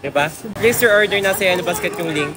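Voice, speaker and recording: A man casually promoting a skincare product to his viewers, recorded on a phone inside a shopping mall. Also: fast talker. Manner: chatty, upbeat sales pitch to viewers. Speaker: product reviewer. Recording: noisy mall ambience behind.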